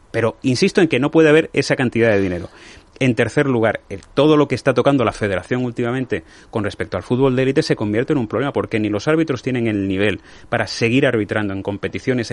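A man's voice: medium pitch, dry recording. A man arguing firmly as a football pundit on a radio talk show, laying out his points one by one. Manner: emphatic, lists points firmly. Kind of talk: heated sports debate. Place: radio studio.

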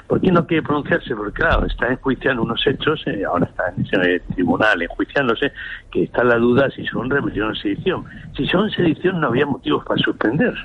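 A man, a public prosecutor, explaining legal points in a measured way during a radio interview. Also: medium pitch, lively intonation, phone-quality sound, slight background noise. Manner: measured, explanatory, hesitant fillers.

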